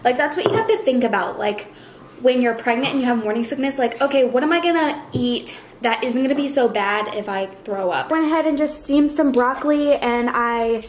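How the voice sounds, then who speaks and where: A woman's voice: a little high, brisk, roomy sound, a little hiss or hum, poor audio. A young woman vlogging casually at home, chatty and full of fillers, nauseous and tired. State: nauseous, worn out. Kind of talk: casual vlog chat. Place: home kitchen.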